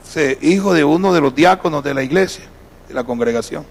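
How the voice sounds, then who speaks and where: A man's voice: fairly high pitch, lively intonation, fairly quick, husky. A man preaching a sermon as pastor, telling a story and acting out the people in it. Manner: storytelling, acting out quoted voices. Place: church.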